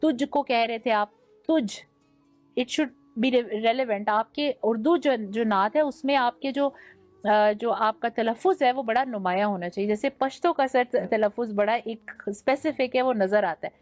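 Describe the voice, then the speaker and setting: A woman's voice: a little high, measured pace, darkish tone, no room sound, soft background music. A young woman with a Pakistani Urdu accent, judging a naat competition and giving teacherly feedback that mixes in English words. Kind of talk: judge's critique.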